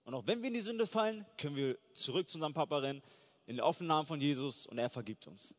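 A man's voice: fairly high pitch, lively intonation, fast talker. A man preaching a sermon in an earnest, fervent way that builds to emphatic peaks. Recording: long hall reverb.

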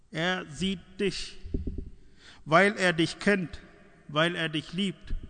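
A man preaching a sermon, emphatic, slowing down to repeat key lines. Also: high-pitched, fairly bright tone. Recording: long hall reverb.

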